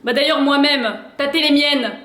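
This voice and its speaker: A young woman, a student actor, performing a solo stage comedy in a lively, playful way. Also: sits high, moderate pace, background noise. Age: 20s. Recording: echoey room.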